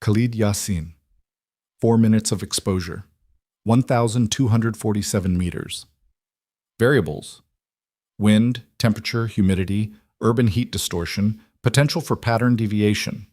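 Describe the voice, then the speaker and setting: A man narrating a scripted story in a measured, terse, deadpan manner. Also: fairly low pitch, no room sound, clean studio sound.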